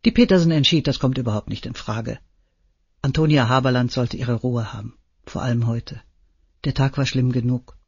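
A man reading a novel aloud as narrator, in a measured, earnest storytelling manner. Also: medium pitch, slightly rough, no room sound, highs cut off. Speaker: audiobook narrator. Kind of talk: scripted narration.

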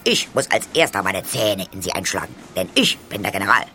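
A man voicing a bossy male rat general who barks orders loudly in an audiobook story. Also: low-pitched, very animated, brisk, slight background noise, full character voice. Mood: commanding. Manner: loud commanding.

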